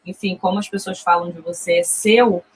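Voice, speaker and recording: A woman with a Brazilian Portuguese accent speaking in a casual interview, reflective and halting, with restarts. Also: on the low side, fairly even intonation, low-quality recording.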